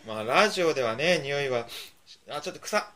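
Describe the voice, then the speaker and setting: A man hosting a homespun radio segment, chatting playfully with a young child. His voice is bright and forceful, and he keeps teasing and coaxing her along with easy laughter. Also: mid-range voice, lively intonation, brisk. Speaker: radio host.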